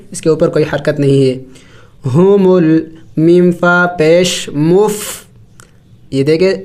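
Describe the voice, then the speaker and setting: High-voiced man teaching Quran recitation. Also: dark tone. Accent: Pakistani Urdu. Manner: slow syllable-by-syllable spelling alternating with brisk explanation. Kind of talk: tajweed lesson, spelling out letters and drawn-out recitation.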